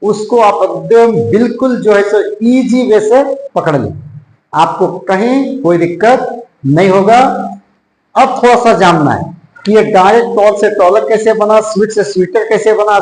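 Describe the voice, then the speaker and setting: A man from India teaching English grammar, mixing Hindi and English with a Hindi accent and slowly repeating his examples. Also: high voice, a little mellow, roomy sound, poor audio. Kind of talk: classroom-style grammar lesson.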